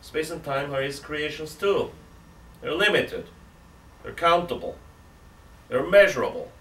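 A man's voice: a little high, big pitch swings, measured pace, fairly bright tone. A middle-aged man, a priest, giving a seated catechism talk, reasoning aloud with emphatic rhetorical questions and gesturing with both hands. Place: indoor room with armchair. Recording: roomy, distant from mic, faint hiss.

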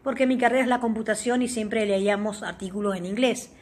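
A woman with a slightly high, husky voice guides viewers through an app tutorial. She explains each step patiently, reads example words aloud, and keeps checking in with a quick "ok?". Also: steady tone. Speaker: tutorial host.

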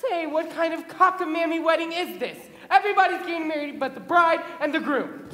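A brash, frazzled showbiz producer at the end of his rope, acted by a woman. The voice is high, and the echo of a theatre hall hangs around it. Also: expressive, brisk, a bit bright. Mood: exasperated. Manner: brash, exasperated. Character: frazzled fast-talking male showbiz producer. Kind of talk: live stage musical acting.

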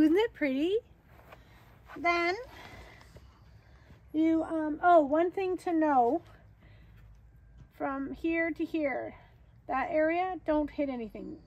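A woman's voice: high voice, mellow. A middle-aged woman vlogging in her backyard garden, chatting upbeat as she explains each step to the camera. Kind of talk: casual how-to demonstration.

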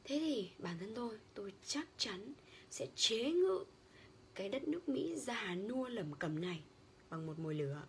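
A woman from Vietnam giving an English vocabulary lesson as a lecturer. She explains word stress and meanings step by step, and reads English quotes slowly. A faint background noise sits under her voice. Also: mid-range voice, very animated.

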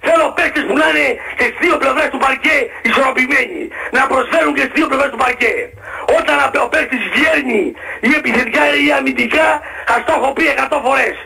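A furious man rants over a tinny phone line. His voice is very high, gravelly and sharp, and he keeps shouting the same points again and again. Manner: shouting, angry, repetitive. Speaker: radio caller. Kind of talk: heated call-in rant.

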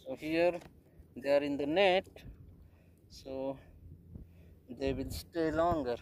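With a voice on the high side, a little mellow and steady, a middle-aged man talks slowly to his viewers as he fishes from a small boat at sea. He's a vlogger who calls his audience "guys" and keeps things simple and chatty. Filmed on a phone at arm's length, the audio carries boat and water sounds plus a little hiss or hum.

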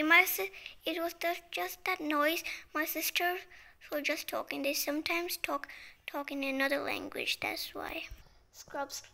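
High, slow-talking woman with a bright voice. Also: creaky. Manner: chatty, often drops to a hushed near-whisper; slow and sleepy. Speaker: vlogger. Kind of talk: casual vlog narration.

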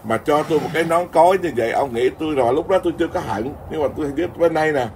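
A Buddhist monk, telling a story in an informal, rambling Dharma talk full of restarts. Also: male voice, on the high side, rapid-fire, a little mellow, slight background noise. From Vietnam.

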